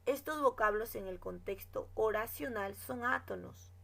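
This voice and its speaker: A woman with a mid-range, creaky, bright voice and a forceful tone teaches grammar rules to a class. She explains slowly, reads example sentences aloud, and checks in with her students using "¿no?" and "¿de acuerdo?"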